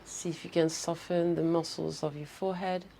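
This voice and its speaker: Female breathwork guide: soft mellow tone, touch of vocal fry, unhurried soothing instructions, slight noise behind. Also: on the low side, level tone. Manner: soothing, unhurried guidance with short phrases.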